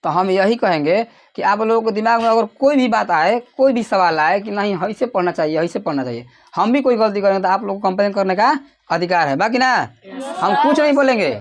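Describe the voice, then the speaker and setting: A man with a Bihari Hindi accent teaching a class, calling out questions for the students to answer together and sometimes raising his voice almost to a shout. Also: high-pitched, expressive, fairly quick. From Bihar, India. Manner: raises his voice to a near shout at times. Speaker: coaching teacher.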